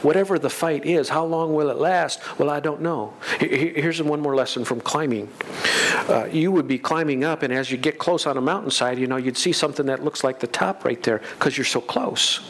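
A middle-aged American man preaching in a folksy, unhurried storytelling style, repeating phrases for emphasis. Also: fairly bright tone. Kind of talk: storytelling sermon. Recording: noisy recording with low rumble.

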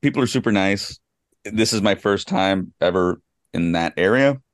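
A man's voice: lowish voice, expressive, moderate pace, no room sound, clean studio sound. A man co-hosting a podcast, talking in a loose, rambling way with lots of fillers and restarts. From California. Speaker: podcast co-host. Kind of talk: casual chat.

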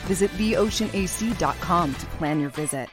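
A woman's voice: on the low side, fairly quick. A woman reading a scripted ad in a rhythmic, repeating slogan style. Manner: rhythmic, repetitive slogan delivery. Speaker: ad announcer. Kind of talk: scripted ad read. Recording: ad voice over loud music.

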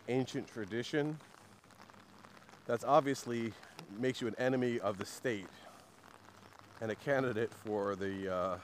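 A man riffs sarcastically through a relaxed podcast conversation, full of ums and likes. He sits at an ordinary middle pitch. A faint hiss of background noise runs under his voice. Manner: sarcastic, joking, many fillers. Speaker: podcast host. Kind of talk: casual chat.

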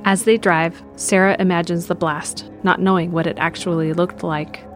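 A woman with a rather low voice narrates a scripted audio drama in a steady tone. She speaks in a measured, descriptive way while soft music plays in the background.

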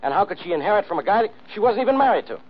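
An American actor playing a stubborn, blustering middle-aged police inspector in a 1940s radio mystery, blunt and insistent, on an old recording. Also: male voice, high-pitched, big pitch swings, rapid-fire, breathy edge, muffled recording, heavily acted. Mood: skeptical. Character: blustering, hard-nosed police inspector man, stubborn and boastful.

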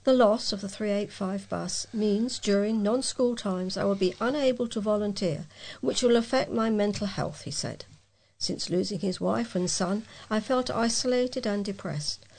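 A woman reading local news stories aloud in a plain, even delivery as a volunteer reader. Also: mid-range voice, normal speed, vocal fry.

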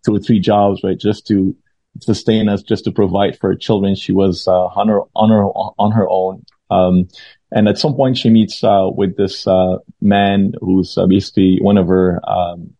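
A young man from Lebanon speaks in a low, gravelly, mellow voice, pausing often with fillers and restarts as he recounts his past. His delivery stays flat and even. The recording sounds dry and a little dull. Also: no room sound. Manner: halting, many fillers and restarts. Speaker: guest sharing his testimony. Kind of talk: conversational personal testimony.

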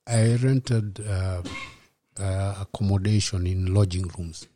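A man in his fifties with a Kenyan accent, a podcast guest telling his life story in a reflective, unhurried way and slipping in Swahili words. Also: low-pitched, fairly even intonation, dark tone, slight background noise. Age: 50s. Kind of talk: personal storytelling in a podcast interview.

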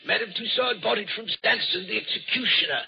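An actor playing a nervous old watchman who speaks haltingly in a 1940s radio drama. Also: sits high, creaky, a little hiss or hum. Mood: uneasy. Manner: hesitant, halting, full of uhs. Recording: dull old radio broadcast with music.

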